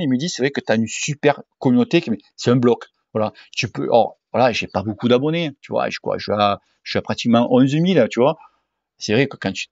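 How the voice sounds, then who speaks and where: A man's voice: mid-range voice, no room sound. Blunt, slangy cycling vlogger man. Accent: French, southern regional. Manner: blunt, slangy, swears freely. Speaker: cycling YouTuber and sports coach. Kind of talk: casual Q&A vlog. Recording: dull dry home recording.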